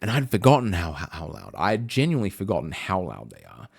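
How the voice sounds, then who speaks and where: A chatty man chatting with his stream audience, his low voice rising and falling a lot. The sound is close and dry, with no room around it. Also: wildly swooping pitch, fairly quick, gravelly, slightly rough, no room sound. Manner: chatty, reads chat messages aloud, frequent fillers. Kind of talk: casual chat with viewers.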